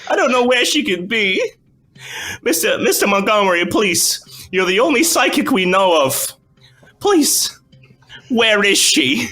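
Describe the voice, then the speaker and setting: A man's voice: sing-song, unhurried, pauses often, sharp tone, exaggerated voice. A man voicing a distressed older farm woman who pleads frantically through tears. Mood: pleading, frantic. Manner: high, frantic, breathless pleading.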